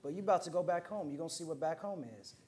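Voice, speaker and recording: Speaking at a racing pace, a man from Oakland, California, in his twenties, casually recounts personal stories in an American accent at an indoor museum roundtable. His voice is on the high side and a little mellow.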